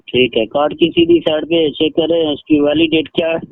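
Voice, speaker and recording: A man speaks over a tinny phone line. His voice is gravelly and slightly high, and it swings widely in pitch. He pushes on insistently, repeating short affirmations as he poses as a bank caller. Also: big pitch swings, fairly quick, no echo. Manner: smooth, insistent, repeats "ji ji" to keep the caller going. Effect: heard over a phone line. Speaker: scam caller posing as a bank officer. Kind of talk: phone call. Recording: tinny phone call recording.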